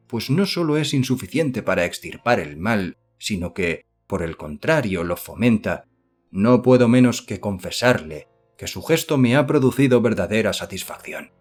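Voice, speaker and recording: A man voicing an earnest, excitable young idealist who speaks eagerly and effusively in an audiobook. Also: on the low side.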